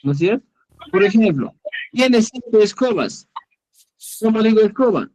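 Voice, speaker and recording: A man teaching an online class, explaining slowly and patiently, often checking that students follow. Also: high voice, big pitch swings, darkish tone, low-quality recording. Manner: slow, patient, checks understanding with "¿ya?". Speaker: Quechua teacher.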